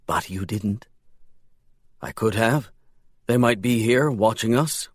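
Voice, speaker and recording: A man reading the part of a wary male crime writer who speaks in a guarded, deliberate way. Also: on the low side, no room sound.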